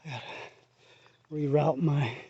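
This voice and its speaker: A man's voice: fairly high pitch, fairly even intonation, unhurried, dark tone, breathy edge, no room sound, muffled recording. A man narrating casually while hiking an open field trail outdoors, out of breath and rambling as he walks. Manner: chatty, rambling with restarts. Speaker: hiking vlogger.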